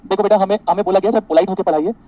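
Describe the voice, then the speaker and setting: A man's voice: high-pitched, steady tone, racing, dark tone, no echo, poor audio. A man teaching an engineering class online, mixing Hindi and English, with a sarcastic, exaggeratedly polite manner.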